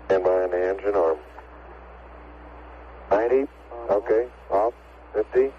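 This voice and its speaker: A man's voice: lowish voice, unhurried, dull audio. A man, an astronaut, giving clipped, matter-of-fact callouts over a crackly, breaking-up space radio transmission. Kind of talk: terse mission radio chatter. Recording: hissy archival radio with loud static.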